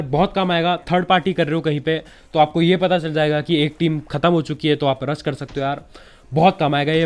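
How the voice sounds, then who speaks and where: A young man with a slight cold, chatting casually as a gaming YouTuber giving tips over gameplay and dropping friendly asides to his viewers. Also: on the high side. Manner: chatty, keeps saying yaar and bhai, relaxed advice.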